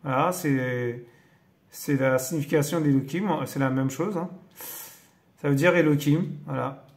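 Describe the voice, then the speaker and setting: Male host, fairly high voice, reads aloud and keeps interrupting himself with awed exclamations. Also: unhurried. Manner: interrupts his reading with amazed exclamations; hesitant, many fillers when explaining. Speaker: Bible-teaching video host. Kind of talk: casual religious commentary reading aloud.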